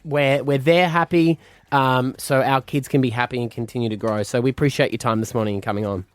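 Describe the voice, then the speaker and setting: A man's voice: mid-range voice, fairly even intonation, a little fast, no echo. An Australian man co-hosting breakfast radio, easygoing and friendly. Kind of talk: casual radio banter.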